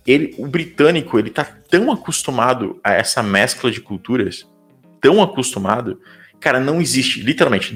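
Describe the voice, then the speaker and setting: A young Brazilian man with a Brazilian Portuguese accent talks casually as an interview guest, leaning on fillers like "cara" and "tipo." His voice is mid-range with a fairly bright tone.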